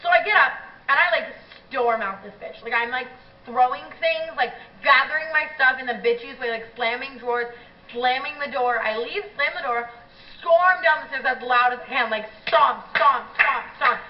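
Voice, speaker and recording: A young woman tells a story in a casual vlog, animated and profane, with filler words in almost every phrase. Her voice sits a little high. She is heard from some distance in an echoey room, and the recording sounds dull. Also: normal speed. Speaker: YouTuber.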